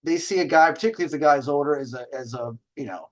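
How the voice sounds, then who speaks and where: This man hosts a dating advice show and speaks fast in a high-ish voice. He tells stories casually, brash and emphatic, stretching out stressed words and tossing in rhetorical questions as he gives viewers advice in a monologue.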